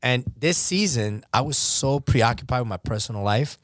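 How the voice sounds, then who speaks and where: A man speaking as a guest on a casual podcast, opening up candidly in halting sentences full of fillers that often trail off softer. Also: mid-range voice, expressive, no echo, clean studio sound. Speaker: podcast guest, basketball referee.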